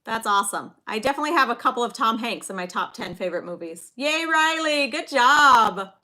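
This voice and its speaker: Bright, lively woman hosting a livestream. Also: on the high side, fairly quick. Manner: chatty, enthusiastic, cheers on viewers by name. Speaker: livestream host. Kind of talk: casual live chat, reading movie quotes.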